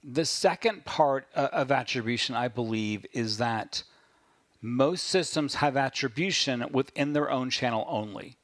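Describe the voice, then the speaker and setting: A man talking shop as a podcast guest, wry and quick, often checking in with "right?". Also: mid-range voice, fairly bright tone, no echo, studio quality. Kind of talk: casual conversation.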